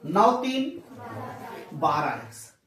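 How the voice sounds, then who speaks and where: Brief: male math teacher, high voice, folksy question-and-answer style, mic far off. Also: sing-song, extremely slow, a crowd in the background. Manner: folksy, asks the class questions and answers them himself. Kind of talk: classroom math lesson. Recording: echoey room, mic far off.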